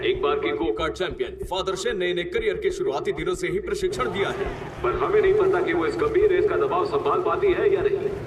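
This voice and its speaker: A man voicing a male race commentator in a dubbed film, excited and lively. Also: high voice, quick pace, crowd noise, natural voice. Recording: roomy, distant, music behind.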